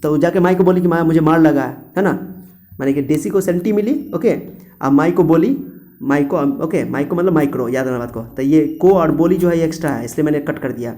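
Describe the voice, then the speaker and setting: Chatty young male teacher, slightly high and mellow, explains a memory trick. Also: fairly quick. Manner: chatty, acts out voices in the story.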